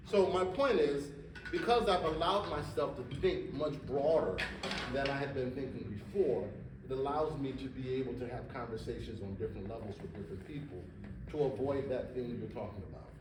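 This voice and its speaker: A man leading a drum masterclass at a conference, animated and repeating words for emphasis. His voice sounds distant and roomy, with reverb from the hall. A faint murmur of room ambience sits behind it. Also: medium pitch, a little fast, noisy background. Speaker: drum clinician. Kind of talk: masterclass talk with storytelling. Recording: echoey hall, mic far off.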